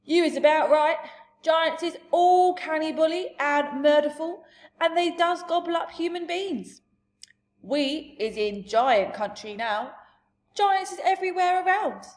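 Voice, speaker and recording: Reading a storybook aloud, a woman takes on the voice of an enormous, jolly male giant who booms and shouts in garbled grammar.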